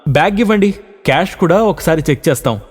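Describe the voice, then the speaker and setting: A man's voice: fairly high pitch, lively intonation, quick pace, husky, big-room sound, soft background music. A man voicing a stern male bus inspection officer who speaks curtly and by the book. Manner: curt, official.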